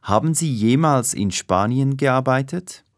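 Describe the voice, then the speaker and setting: A man's voice: mid-range voice, animated, a little slow, no room sound, clean studio sound, natural voice. A man playing a formal, businesslike personnel manager interviewing an applicant in a scripted dialogue for language learners. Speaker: head of personnel conducting an interview.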